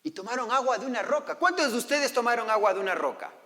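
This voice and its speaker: Lively pastor preaching in a reverberant church. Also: male voice, very high voice, fast. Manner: storytelling, acting out quoted voices, asking the congregation. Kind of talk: sermon. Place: church hall. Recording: long church hall reverb.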